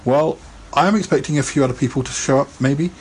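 A man's voice: mid-range voice, fast talker, a little mellow, slight background noise. A man hosting a casual live podcast, chatting in a rambling way and laughing often. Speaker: podcast host.

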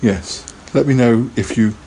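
A man's voice: mid-range voice, a little slow, warm tone, a little hiss or hum. A man hosting a casual live podcast, chatting in a rambling way and laughing often. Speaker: podcast host.

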